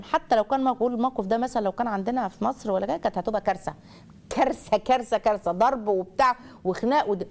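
Egyptian woman, studio parenting host, very quick and animated, acts out the lines she quotes. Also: on the high side. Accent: Egyptian Arabic. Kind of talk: lively advice talk to viewers.

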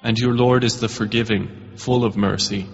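Low flat-voiced man reading a translation. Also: gravelly, faint music behind. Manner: steady, measured reading. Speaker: translation reader. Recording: dull lo-fi recording with hall reverb.

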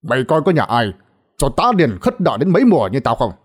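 A man's voice: medium pitch, wildly swooping pitch, brisk, husky. A man voicing a stern, rich old landlord in a storybook tale who scolds and threatens.

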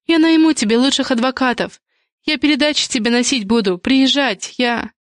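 A woman voicing an anxious middle-aged mother who pleads in a hurried, imploring way, in an audiobook. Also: high-pitched, no room sound, clean studio sound, pitched above the performer's own voice, close to an everyday voice. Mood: pleading. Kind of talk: audiobook character reading.

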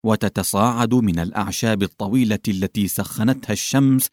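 A man narrating a literary short story in an expressive, measured reading style. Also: fairly low pitch, no echo, studio quality.

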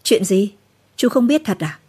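A woman's voice: mid-range voice, expressive, a little slow, a little mellow, slightly rough. Woman reading as a blunt tea-seller woman. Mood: concerned. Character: middle-aged woman tea seller, former teacher.

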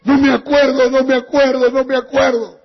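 A man's voice: extremely high pitch, level tone, normal speed, creaky, voice pushed up, exaggerated voice. A man voicing a bewildered, remorseful drunk husband who speaks in a raised, pleading voice. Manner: raised, alarmed, then pleading. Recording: dull recording with long church reverb.

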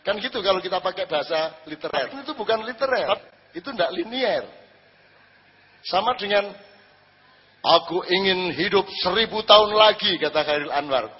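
Man preaching, husky high voice, dull lo-fi recording in a big echoing hall. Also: animated, brisk. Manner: conversational, rhetorical questions, acts out quoted speech. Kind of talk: religious talk to a live audience.

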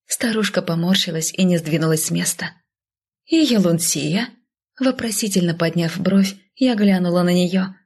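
A woman reading a first-person story aloud as an audiobook narrator, in a soft, often half-whispered way. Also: fairly low pitch, husky.

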